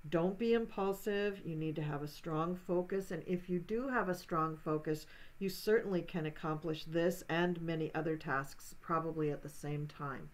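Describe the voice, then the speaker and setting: An older woman with a somewhat low voice leads a pick-a-card reading. She talks in a calm, steady, reassuring way and now and then restarts a phrase. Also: normal speed, rough recording. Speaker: tarot card reader.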